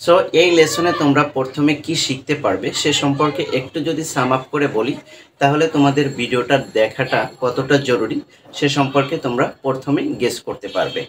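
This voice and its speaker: A man teaching English pronunciation to students, explaining rules slowly and repeating sounds syllable by syllable. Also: medium pitch, distant mic, noisy background. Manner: slow and repetitive, breaking words into syllables.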